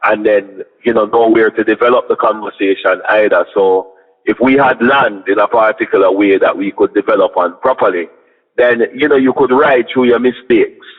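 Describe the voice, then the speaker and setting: A man with a Jamaican accent speaking in Rasta manner, reasoning reflectively and with measured pauses in an interview. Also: fairly low pitch, narrow, tinny audio. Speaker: interview guest, Rastafari community member. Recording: band-limited radio-like sound with long reverb.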